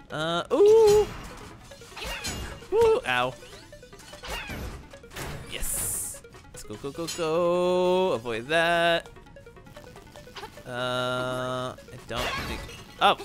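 A tired let's play host who gives casual gameplay commentary late at night. They react loudly to the action and often stumble over their words. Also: medium pitch. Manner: excitable, with sudden loud reactions and frequent stumbles over words. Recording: game music playing underneath.

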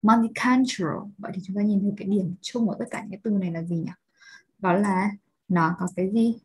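Woman, Vietnamese accent, English teacher, very husky, mellow tone, explanatory. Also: mid-range voice, fast, low-quality recording. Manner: explanatory, checks understanding with rhetorical questions. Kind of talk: pronunciation lesson.

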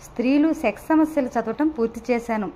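A woman's voice: a little high, fairly quick, mellow, close to an everyday voice. A woman voicing a teasing young student. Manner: flippant and teasing.

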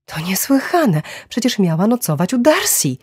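A woman's voice: on the low side, sing-song, moderate pace, husky, no echo, clean studio sound, pitched above the performer's own voice. A woman voicing an upset mother and wife who argues indignantly, in an audiobook thriller.

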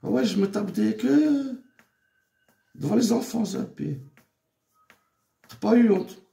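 Gravelly, lively talking man. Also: sits high, slow pace, echoey room. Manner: slangy, mixes in Arabic phrases, repeats words. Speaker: father addressing his daughter. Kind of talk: casual rambling monologue.

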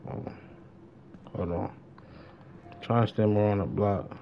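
Slow and fairly even, this young American streamer's lowish voice shows vocal fry, with faint music in the background. He chats slangily while playing a roleplay game, repeating short phrases, through a dull, noisy mic.

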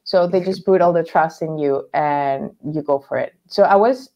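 A woman's voice: low-pitched, normal speed, highs cut off. A woman in her thirties from Venezuela, a guest telling her story in a casual interview over a video call, laughing often. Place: home workroom, indoors. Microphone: headset on a video call.

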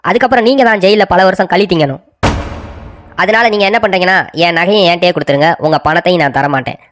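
A scheming male village thief from a cartoon story, cocky and mocking, who rattles off his threats at speed in a lowish voice. A woman acts him out. The delivery is fast and bullying. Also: slight background noise, natural voice. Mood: smug. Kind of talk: cartoon voice acting.

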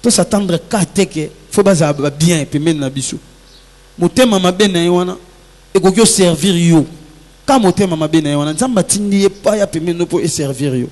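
High-voiced man talking in a reverberant hall. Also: a little fast, a little mellow. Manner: earnest, advice-giving, reflective. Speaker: musician guest. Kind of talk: casual interview talk mixing Lingala and French. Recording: long hall reverb with faint music.

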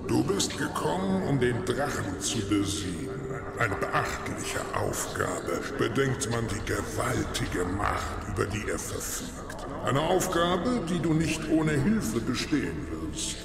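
Slow, echoing ancient tree spirit. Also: male voice, medium pitch, very animated, gravelly, heavily acted. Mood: solemn, ominous. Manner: slow, solemn, archaic, portentous. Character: solemn ancient tree spirit, watchful guardian advising a warrior. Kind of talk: dramatic video game voice acting. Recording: echoey hall, distant, loud game music.

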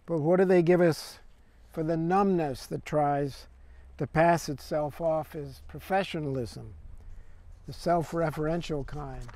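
A man's voice: fairly high pitch, fairly even intonation, measured pace, warm tone, no echo. A man poet reading a poem in the voice of a restless replicant, wry and conversational as if prying into a listener. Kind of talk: poetry reading.

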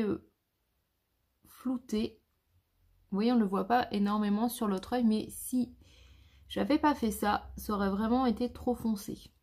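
A woman's voice: fairly high pitch, a little mellow. A woman, a makeup artist talking viewers through a makeup tutorial step by step in a chatty way. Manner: chatty, shows each step.

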